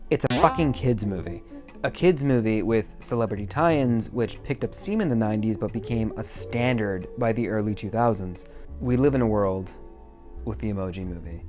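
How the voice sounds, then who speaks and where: A young man getting drunker as he hosts a video essay, rambling casually with swearing and self-deprecating asides. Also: fairly low pitch. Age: young adult. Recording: music behind the voice.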